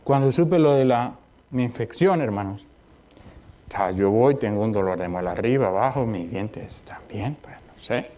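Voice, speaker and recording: In a church sanctuary, a male pastor with an animated voice and moderate pace delivers a conversational sermon, weaving personal stories into exhortation and often asking whether listeners understand. He climbs high and loud when exhorting and goes quiet when telling stories.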